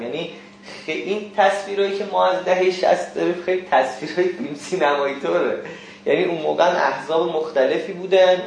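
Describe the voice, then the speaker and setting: A man with a somewhat high voice lectures a class, often stopping to ask questions. The room is very echoey, with a faint hiss underneath. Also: gravelly, darkish tone. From Kermanshah, Iran. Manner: questioning, addresses students directly.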